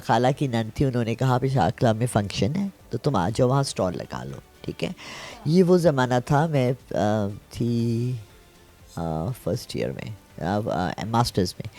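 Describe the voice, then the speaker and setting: A woman in her sixties, a palm reader, telling stories in a casual interview and often checking in with her listener. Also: very deep voice. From Pakistan. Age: 60s. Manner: animated storyteller, frequent "theek hai?" check-ins.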